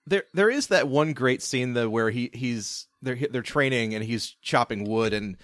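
A man's voice: medium pitch, moderate pace, fairly bright tone, no echo, studio quality. A man on a casual film podcast, retelling scenes in a rambling way that often restarts.

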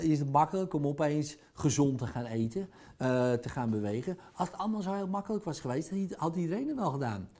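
A man's voice: a little high, mellow. A man speaking in a blunt, provocative, conversational monologue, dropping in crude words as a speaker or coach. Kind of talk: casual monologue.

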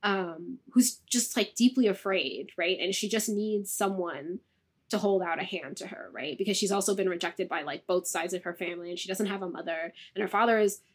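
A woman's voice: mid-range voice, normal speed, slightly rough. A young woman author of Moroccan family, raised abroad, chatting in an interview over a video call and tagging her thoughts with "like" and "right?". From Moroccan family, raised in diaspora. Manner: chatty, many "like" and "right?" tags. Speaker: author guest. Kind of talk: casual interview chat.

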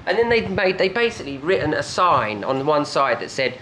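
A street artist chats casually in an interview, rambling and enthusiastic, with plenty of fillers. The voice sits at a middle pitch. A faint hum of background noise runs underneath. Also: very animated, fairly quick, sharp tone.

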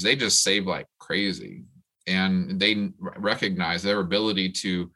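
A male professor explaining his points as a panelist, in a measured, hopeful way with halting phrasing. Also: low-pitched, bright, forceful tone.

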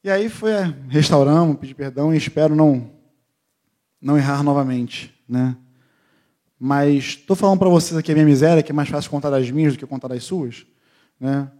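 This middle-aged preacher's voice is on the high side and his pace fairly quick. He brings a family anecdote to life from the pulpit, voicing each relative himself.

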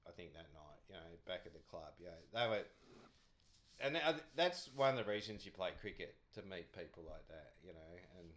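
A man's voice: deep voice, animated, a little fast, fairly bright tone. A middle-aged Australian man telling anecdotes in a casual chat, with a laid-back, blokey tradesman way of talking and plenty of quoted dialogue. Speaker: amateur club cricketer being interviewed.

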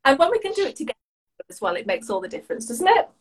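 An English woman guesting on a podcast chats enthusiastically over a video call, often restarting her words. She's a coach from the United Kingdom with a high, sing-song voice that races along in casual conversation.

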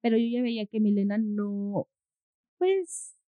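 A woman's voice: mid-range voice, measured pace, dry recording. A woman, a mother telling a story in casual conversation, acting out what people said. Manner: animated storyteller, acts out quotes. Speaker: co-host, mother. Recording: dry, phone-like audio.

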